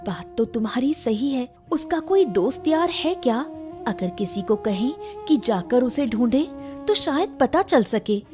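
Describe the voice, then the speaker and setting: A woman's voice: a little high, animated, measured pace, music in the background, voice pushed up. A woman voicing a kind young village woman who comforts an old mother in a cartoon story. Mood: soothing. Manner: soothing, reassuring.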